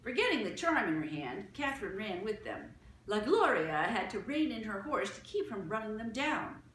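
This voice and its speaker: A woman reading a children's novel aloud with expressive storytelling. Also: mid-range voice, normal speed, a little hiss or hum. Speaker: reader. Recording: echoey room.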